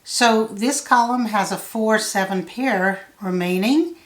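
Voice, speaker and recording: A woman tutor thinks out loud as she works through a solve-along lesson. Her delivery is slow and methodical, with a medium-pitched voice. The recording has a noticeably roomy echo. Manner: thinking out loud step by step, measured. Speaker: puzzle tutor. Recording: roomy, echoey sound.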